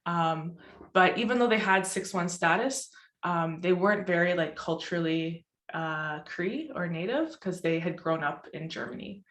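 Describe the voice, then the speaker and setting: Calling in from home, a festival poet from Southern Ontario, Canada, casually introduces herself and her work, then reads her poetry. This young woman laughs a lot and peppers her speech with likes and ums. She speaks at a normal speed in a fairly low, slightly bright voice, and the recording sounds reverberant.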